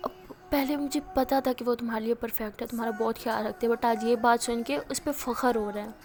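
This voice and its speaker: A woman voicing a caring middle-aged mother who gently coaxes her daughter. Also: fairly high pitch, steady tone, fast talker, natural voice. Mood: proud. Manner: soft coaxing reassurance.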